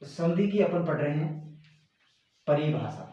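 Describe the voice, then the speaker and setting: A male teacher giving a grammar lesson, slowly repeating and stressing key words. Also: on the high side, animated, dark tone, dull audio. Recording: very echoey room.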